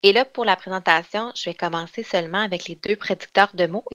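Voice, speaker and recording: A woman giving an online software training session, explaining in a chatty way with lots of fillers and restarts. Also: medium pitch, a little fast, no echo. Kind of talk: online webinar demonstration.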